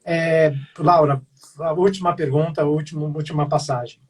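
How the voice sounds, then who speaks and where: A man's voice: on the high side, fairly even intonation, normal speed, darkish tone, slightly rough, recorded from a distance. A man on a video call panel, speaking earnestly and rambling with many fillers and restarts. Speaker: mediation facilitator. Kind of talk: casual online panel talk.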